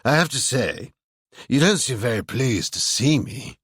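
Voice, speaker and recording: A man's voice: mid-range voice, animated, a little slow, a bit bright, breathy edge, no echo, clean studio sound. A man reading an audiobook, voicing an oily, unstable, condescending man with a sly, taunting manner. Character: oily, mocking, unstable middle-aged man.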